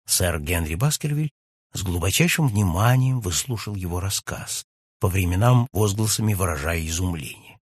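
Man, audiobook narrator, husky, lively pitch, dry close recording. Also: normal speed, no room sound.

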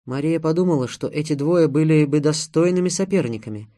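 A man narrating an audiobook in a measured, dramatic reading. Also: on the high side, dark tone. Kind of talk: scripted narration.

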